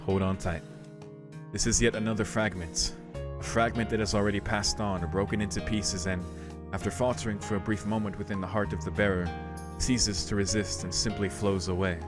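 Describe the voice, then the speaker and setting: A man streams a casual, reflective let's play of a visual novel, commenting and reading the text aloud over game music. His voice is on the low side, fairly even, at normal speed.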